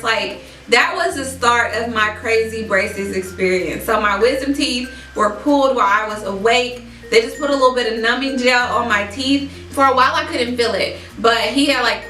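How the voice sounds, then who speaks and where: A young woman telling a personal story in a casual, chatty, emphatic and expressive way, as a vlogger talking to her viewers. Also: on the high side. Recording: echoey room, distant mic, music.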